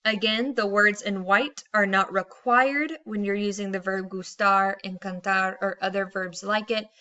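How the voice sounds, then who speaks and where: A woman's voice: medium pitch, fairly even intonation, a little slow, pushed and bright, highs cut off. A woman teacher explaining grammar patiently in a recorded lesson, reading out Spanish examples.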